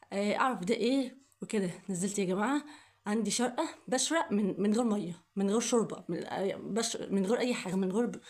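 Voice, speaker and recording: In an emotional personal vlog, a young woman with an Egyptian Arabic accent and a mid-range, slightly mellow voice is upset and pleading. She coughs in fits and returns to the same questions over and over.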